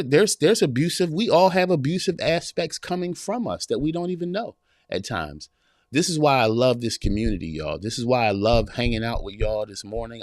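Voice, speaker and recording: A man's voice: medium pitch, no echo, studio quality. A man in his forties hosting a live podcast stream from a small home room, speaking in a preacher-like rhythm, repeating phrases and greeting viewers. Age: 40s. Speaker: podcast host.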